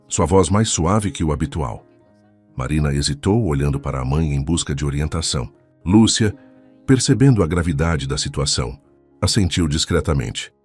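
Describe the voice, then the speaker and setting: A man narrating a scripted dramatic story in a measured way. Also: low-pitched, darkish tone, husky.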